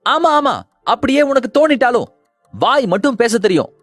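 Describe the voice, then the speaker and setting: A man's voice: extremely high pitch, lively intonation, moderate pace, no echo, faint music behind. A man voicing an impatient, hot-headed young man who scolds his friend. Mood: mocking. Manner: agitated, scolding.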